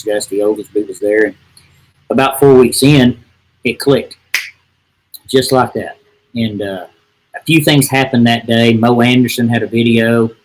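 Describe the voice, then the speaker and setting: A middle-aged real estate agent on a podcast spins a folksy, rambling story, repeatedly restarting with "and, uh." His voice sits fairly low, and the recording is rough.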